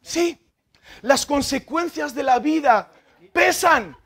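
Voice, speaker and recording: Man, Spain Spanish accent, pastor, lively sermon, very high-pitched voice, animated delivery. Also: moderate pace. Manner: animated, acts out biblical figures, calls out to the congregation.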